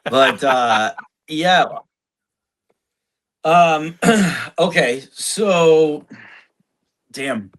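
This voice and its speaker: A man being interviewed as a podcast guest, relaxed and halting, with many restarts and fillers. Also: on the high side. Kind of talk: casual interview chat.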